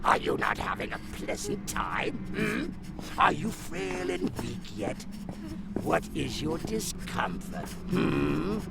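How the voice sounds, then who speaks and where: A man playing a volatile, sadistic villain taskmaster with a gravelly voice and florid, theatrical taunts. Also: a little high, huge pitch swings, slow, exaggerated voice. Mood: menacing taunting. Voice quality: gravelly, creaky. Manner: florid, taunting, shrieking outbursts. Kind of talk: dramatic villain acting. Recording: heavy background noise.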